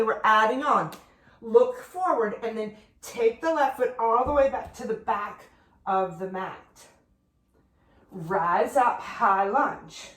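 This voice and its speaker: This woman's voice is on the high side with a roomy sound as she leads a yoga flow class. She delivers calm, directive cues for each pose and is at times a little out of breath as she moves through it.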